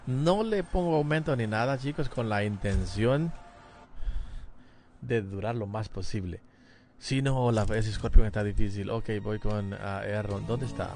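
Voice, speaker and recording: A man's voice: fairly low pitch, a little slow, a little hiss or hum. A middle-aged man from El Salvador streaming a fighting game from home, chatting casually and greeting viewers by name through a headset mic. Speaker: gaming streamer. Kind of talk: casual live-stream commentary. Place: home gaming room, indoors. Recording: game music loud behind the voice. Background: game music and sound effects.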